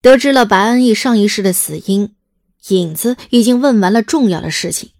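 A woman's voice: medium pitch, fairly quick, a little mellow. A woman reading scripted, dramatic story narration as an audiobook narrator.

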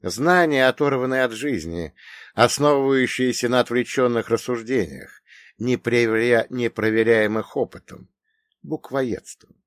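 Man, audiobook narrator, first-person story, measured reading, mid pitch, dry close recording. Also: dry recording.

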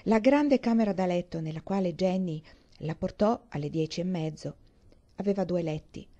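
A woman's voice: lowish voice, normal speed, mellow, dull audio. A woman reading a children's novel aloud, lifting her voice for the children's lines and dropping it for the narration. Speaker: audiobook reader. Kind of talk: audiobook narration with voiced characters.

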